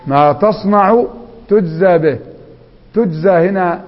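Egyptian male grammar teacher, higher voice, quizzes class, echoey hall. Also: faint music behind. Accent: Egyptian Arabic. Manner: quizzing students, slow drawn-out recitation of examples. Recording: echoey hall, dull lo-fi sound.

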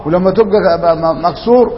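A man's voice: sits high, brisk, in a large hall, highs cut off. A man with an Egyptian Arabic accent teaching a classroom grammar lesson, quizzing students and repeating their answers.

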